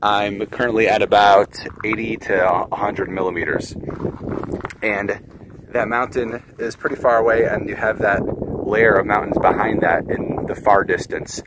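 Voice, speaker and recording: A man's voice: lowish voice, fairly even intonation, unhurried, background noise. Man vlogging on a desert hike. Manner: chatty, explaining his camera setup. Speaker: landscape photographer. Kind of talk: casual vlog narration while hiking. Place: outdoors on a desert mountain trail. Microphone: camera held at arm's length.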